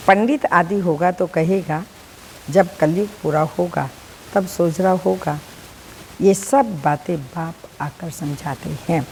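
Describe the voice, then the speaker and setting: A woman with a Hindi accent giving a measured, deliberate devotional reading of a spiritual discourse. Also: fairly low pitch, gravelly, in a large hall, slight background noise, rough recording. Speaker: spiritual teacher reading the daily lesson.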